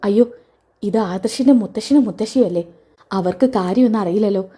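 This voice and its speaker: A woman's voice: medium pitch, a little fast, mellow, husky, close to an everyday voice. A woman voicing an anxious, deferential middle-aged male servant in a spoken serial recap. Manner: nervous, deferential.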